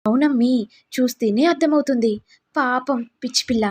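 A woman's voice: sits high, fairly quick, a little mellow, husky. A woman doing a coarse scheming mother. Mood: conspiring. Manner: coarse, conspiratorial.

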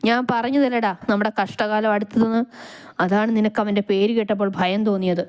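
A woman's voice: medium pitch, flat delivery, brisk, darkish tone, smooth, natural voice. A woman voicing a bitter old mother who speaks in an accusing way. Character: bitter old mother, cursing her son.

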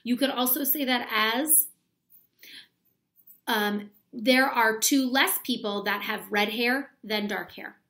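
Speaking slowly in a fairly high, bright, forceful voice, an elementary school teacher reads aloud to children indoors in a small home room. She walks them through the material step by step and asks them questions along the way.

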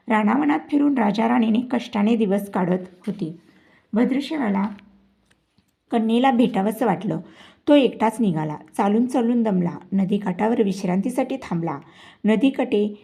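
A woman narrating a devotional folk tale in a steady, measured recitation. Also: medium pitch, creaky. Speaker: storyteller.

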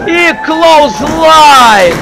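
A man doing excited live play-by-play as a wrestling commentator, calling out move names and drawing out key words. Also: extremely high pitch, extremely slow. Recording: crowd noise of a live event. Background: live wrestling crowd.

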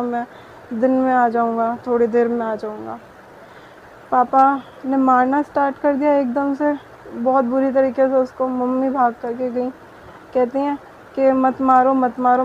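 A woman's voice: high voice, a little mellow. A young woman giving an earnest, detailed account in a news interview. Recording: dull muffled audio with faint noise.

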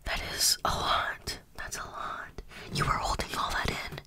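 A young woman in a breathy, soothing whispered role-play, very close to the microphone, repeating phrases with tingly ASMR mouth sounds. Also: a little slow. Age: young adult. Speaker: ASMR creator. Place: small room indoors. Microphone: close desktop condenser microphone.

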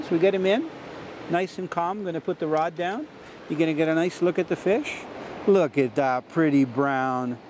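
A middle-aged man hosting a fishing show outdoors by a mountain river, explaining each catch with enthusiasm. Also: a little high. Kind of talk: on-location fishing narration.

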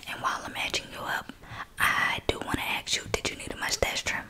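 A young woman doing a fast, hurried ASMR whispered role-play as an attentive barber, speaking softly and close to the mic. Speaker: ASMR creator playing a barber. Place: small dim bedroom, indoors. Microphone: close desktop condenser mic with fluffy windscreen.

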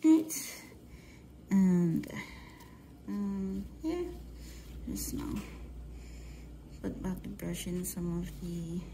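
Her voice is lowish, and a little hiss or hum runs under the recording. She's from Guyana, speaks with a mix of Guyanese and Trinidadian accent, and walks through a nail art tutorial in a laid-back, halting voice-over, using plenty of fillers and often lowering to a near whisper.

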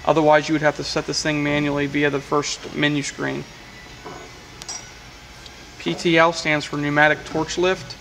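Beside a welding machine in a workshop, a technician explains the control panel step by step in a flat, matter-of-fact way, dropping frequent "uh" fillers and long pauses at a moderate pace. His voice is somewhat high and gravelly. A camera mic catches faint machine-shop noise in a rough recording.

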